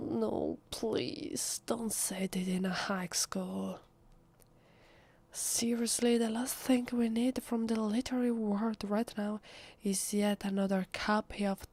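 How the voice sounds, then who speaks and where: This time the Italian-accented woman's flustered, evasive vampire, posing as human in an ASMR roleplay, sounds exasperated. Her medium-pitched voice stays a soft, husky half-whisper, hesitant, slow and drawn-out.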